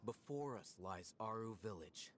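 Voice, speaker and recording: A cool, aloof male scholar, speaking in a lowish, measured and dry voice. The game dialogue plays over clear background music. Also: expressive. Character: aloof male scholar, calm and sharp-witted.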